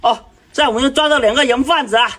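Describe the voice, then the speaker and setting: An easygoing, crafty villager played by a man in his thirties. The voice is husky, recorded outdoors from a few metres in a village comedy skit. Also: extremely high pitch, fast, a bit bright. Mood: practical, reassuring. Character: easygoing male villager, crafty protector of a stranger. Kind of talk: rural comedy skit acting. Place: outdoors at a village house doorway.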